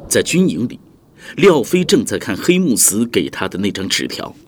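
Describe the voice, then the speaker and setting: Guy telling a dramatic story, lowish voice, lively pitch, music under. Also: moderate pace, slight background noise. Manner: vivid expressive storytelling. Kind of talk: dramatic audiobook narration. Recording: background music.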